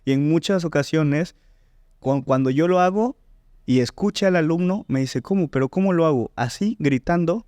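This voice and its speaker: A man's voice: on the high side, normal speed, darkish tone, no echo. A man, a voice teacher and singer explaining technique in a podcast interview, often checking in with "¿no?" and "¿sí?". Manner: didactic, frequent "¿no?" and "¿sí?" check-ins.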